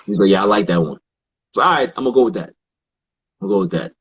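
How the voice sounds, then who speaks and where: A man guesting on a podcast, telling stories in a relaxed, casual way and acting out what others said. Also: on the low side, racing, breathy edge, highs cut off. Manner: relaxed, quotes others in animated asides, frequent fillers. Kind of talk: casual storytelling in conversation.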